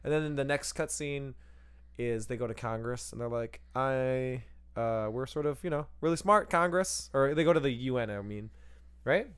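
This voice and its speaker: Casual podcast co-host, male, rambling and profane, mid-pitched, laughs a lot. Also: moderate pace, a bit bright, clean tone. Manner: rambling, profane, laughs often, acts out silly voices. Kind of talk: casual movie review chat.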